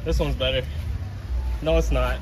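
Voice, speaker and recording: A man's voice: medium pitch, fairly even intonation, normal speed, noisy background. A young man vlogging casually from a beach resort, rambling with lots of "like" fillers. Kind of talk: casual vlog chat. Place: beach resort, outdoors and by a pool.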